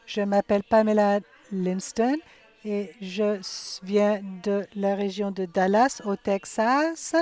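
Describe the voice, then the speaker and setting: A woman giving live interpretation of a conference session, halting, with frequent fillers and self-corrections. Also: mid-range voice, mellow. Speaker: simultaneous interpreter.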